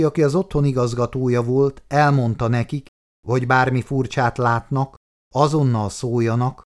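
Male audiobook reader, calm and measured, middle-pitched voice. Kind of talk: scripted narration.

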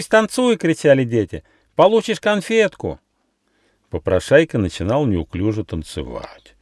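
A man narrating his own fairy tale audiobook in an expressive storytelling manner, recorded in a studio. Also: lowish voice, dry recording. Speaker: author reading his own book.

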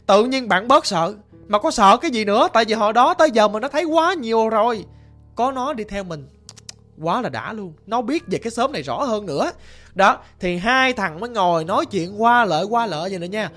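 A man in a Southern Vietnamese accent telling a ghost story in a chatty, animated way, talking straight to his listeners. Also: sits high, brisk, faint music behind.

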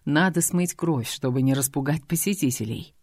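A woman voicing a hurt, middle-aged father, hoarse and short of breath, speaking gruffly and curtly. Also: sits low, moderate pace, a little mellow, no room sound, clean studio sound, voice pushed down.

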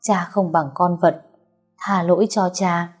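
A woman's voice: fairly low pitch, fairly even intonation, a little slow, soft background music. A woman voicing an anguished old father who is desperate and full of remorse. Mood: remorseful. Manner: frantic shouting, then broken self-reproach.

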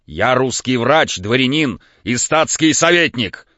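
A man's voice: medium pitch, lively intonation, a little slow, sharp tone, no echo. A man doing a pompous, trembling old doctor. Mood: indignant shouting. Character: older male doctor, pompous, hot-tempered, kindly. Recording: dull, dry lo-fi recording.

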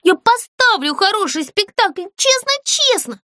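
A woman voicing a vain, showy female doll actress with a shrill, theatrical manner. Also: big pitch swings, a little slow, bright, forceful tone, no room sound, full character voice. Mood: pleading.

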